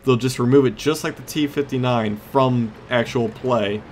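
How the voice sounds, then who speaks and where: With a medium-pitched, slightly mellow voice at a moderate pace, a man rambles through casual gameplay commentary as host of a gaming series, frequently losing track of what he was saying. There's a little hiss or hum in the recording.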